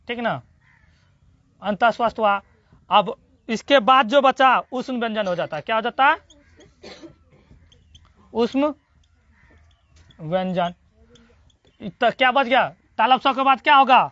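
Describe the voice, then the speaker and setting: A teacher giving a classroom grammar lesson, drilling students with repeated questions and slowly sounding out syllables. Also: medium pitch, a bit bright, no room sound. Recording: dull lo-fi recording.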